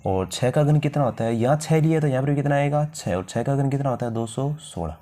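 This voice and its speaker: Guy teaching math, asks then answers himself, mellow dark voice. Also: medium pitch, lively intonation, a little fast. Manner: asks questions to the viewer and answers them himself. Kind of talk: step-by-step math lesson.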